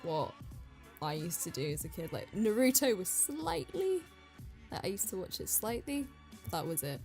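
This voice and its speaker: A woman's voice: medium pitch, big pitch swings, moderate pace, dark tone, soft background music. A young woman co-hosting a casual podcast chat, playful and giggly. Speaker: podcast co-host.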